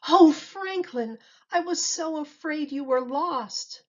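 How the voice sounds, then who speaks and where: Lady playing a caring mama turtle in a kids book, soothing, slow, slightly dull audio. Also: high-pitched, pitched above the performer's own voice. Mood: caring, reassuring. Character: gentle, caring mother turtle. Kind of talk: children's storybook read-aloud. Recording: dull lo-fi recording.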